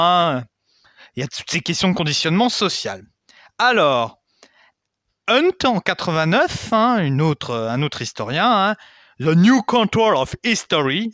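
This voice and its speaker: Young guy explaining history, chatty w/ lots of asides, really bouncy high voice. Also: fairly bright tone, no echo, clean studio sound. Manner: chatty, frequent "hein" and asides. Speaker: history video host. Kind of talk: casual educational explainer.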